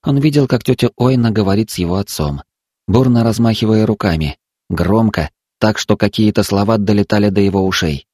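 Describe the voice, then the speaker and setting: A man narrating a story in a steady, even storytelling manner. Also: on the low side, brisk, no echo, clean studio sound. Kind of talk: audiobook narration.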